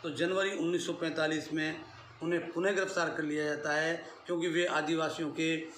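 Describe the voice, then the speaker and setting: A man's voice: on the high side, little pitch movement, brisk, fairly bright tone. Man lecturing in an echoey room. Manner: explanatory, mixes English terms into his speech. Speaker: history lecturer. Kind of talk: unscripted classroom-style lecture. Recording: echoey room with faint hiss.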